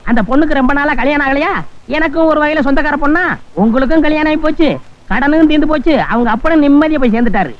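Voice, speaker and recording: A rapid, high-voiced sly matchmaker. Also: male voice. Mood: placating. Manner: placating, glib. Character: sly matchmaker friend calling him elder brother. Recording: dull film soundtrack, slightly distant.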